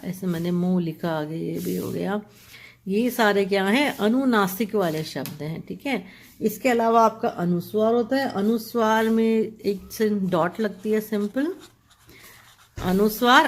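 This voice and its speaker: Slow, patient woman teaching grammar. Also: mid-range voice. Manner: slow, repeats terms, checks with "ठीक है"; spells out letters one by one, writes as she explains. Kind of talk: classroom grammar lesson.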